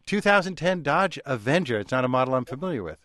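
A man hosting a radio call-in show with a smooth, easy radio-host delivery, speaking into a studio microphone. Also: medium pitch, expressive, fast talker, fairly bright tone, no echo.

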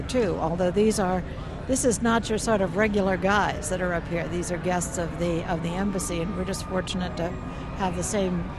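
A woman giving live, unscripted parade commentary as a correspondent, describing what she sees in a halting eyewitness way. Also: mid-range voice, noisy background. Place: outdoors at a parade vantage point. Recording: outdoor broadcast amid loud crowd and vehicles. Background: loud crowd, motor vehicles, street ambience.

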